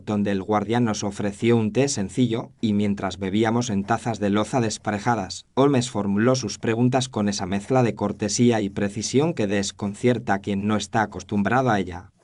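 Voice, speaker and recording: A man's voice: lowish voice, fairly even intonation, normal speed, few pauses, a little mellow, natural voice. A man narrating a scripted mystery story as an observant Victorian doctor, formal and descriptive. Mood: reflective.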